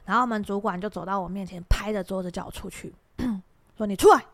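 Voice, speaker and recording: A woman's voice: medium pitch, brisk, no echo. A young woman with a Taiwanese Mandarin accent, telling a workplace story on a podcast and acting out the people in it. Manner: animated storyteller, acts out quoted bosses, laughs often. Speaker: podcast co-host. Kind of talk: casual chat, storytelling.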